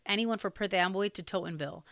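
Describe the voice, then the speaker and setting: Smooth-voiced woman chatting as a guest. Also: medium pitch, quick pace, fairly bright tone, dry recording, clean studio sound. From New Jersey. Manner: chatty, many fillers and restarts. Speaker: podcast guest. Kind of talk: casual interview conversation.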